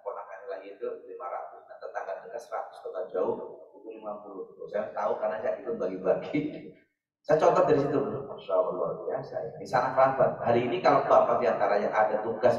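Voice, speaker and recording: A man's voice: on the low side, a little mellow. Male preacher, conversational sermon style, recorded from far off in a very echoey hall on dull, muffled audio. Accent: Indonesian. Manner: chatty, addresses listeners as Pak. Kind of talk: casual midday mosque sermon. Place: mosque hall.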